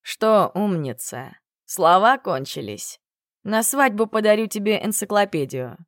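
A woman voicing a smug young male dragon who teases slowly in a lowered voice. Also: lively intonation, no room sound, studio quality, natural voice. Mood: teasing. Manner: slow, mocking, lower than the narrator.

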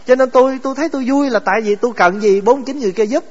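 A man voicing a cheerful, humble poor village man, explaining his contentment in a brisk, easygoing way. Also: very high voice, a little mellow, in a large hall, lo-fi sound, voice pushed up. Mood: contented.

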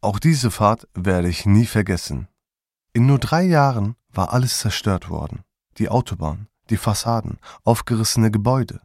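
A man calmly narrating his memoir in a measured storytelling manner. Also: lowish voice, no echo, studio quality.

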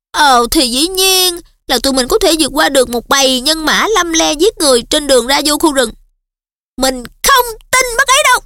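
A woman voicing an anxious, high-strung teenage schoolgirl in an audiobook. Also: a bit bright, no echo, studio quality. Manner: fretful, high-strung, insistent.

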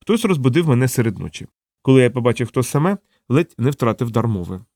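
Brief: male audiobook narrator, medium pitch, steady and understated, dry close recording. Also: quick pace, vocal fry, dry recording.

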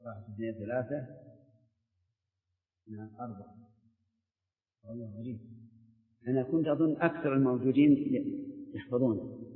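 A man's voice: mid-range voice, fairly even intonation. Older man, Najdi Arabic accent, patient teacher, tinny old lecture tape, long hall reverb. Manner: slow, questioning students. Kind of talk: classroom lesson.

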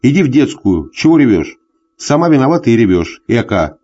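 A man's voice: medium pitch, sing-song, fairly quick, mellow, highs cut off. A man voicing a drunk, jealous middle-aged husband who rants at his wife in a hollow, tearful voice. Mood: scolding. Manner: hoarse tearful bullying rants.

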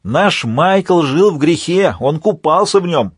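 A man's voice: medium pitch, very animated, normal speed, a little mellow, breathy edge, no echo, studio quality. A man voicing a wounded male villain who mocks and accuses his captors in an audiobook. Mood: shrieking. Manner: sneering and accusing.

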